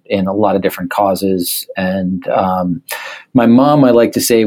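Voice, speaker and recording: Male podcast guest from New York, somewhat low voice, relaxed and reflective, casual conversation. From New York, USA.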